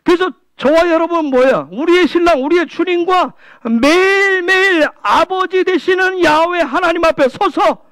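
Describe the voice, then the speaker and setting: A male pastor preaches at a moderate pace with hardly any pauses, his very high-pitched voice fairly bright, and the recording has no room sound. He keeps asking the congregation rhetorical questions, prompting them with "응?" and repeating key phrases for emphasis.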